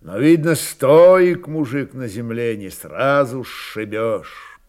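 A man narrating a literary audiobook in a measured, expressive way. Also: mid-range voice. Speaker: audiobook reader.

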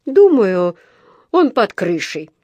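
A woman playing a calm, sensible family father who speaks in a reassuring, matter-of-fact way in a storybook. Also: mid-range voice, slow, husky, no room sound, exaggerated voice.

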